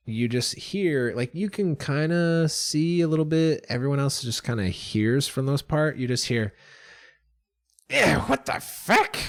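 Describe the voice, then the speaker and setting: A young man narrating a tabletop game as game master, relaxed and hesitant, with many fillers. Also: medium pitch, clean tone, no echo, studio quality.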